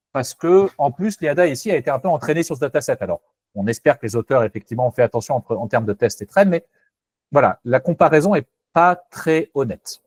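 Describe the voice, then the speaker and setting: A man's voice: a little high, darkish tone, breathy edge, no echo. A man presenting a technical webinar, hesitant and self-correcting, candid and skeptical in tone.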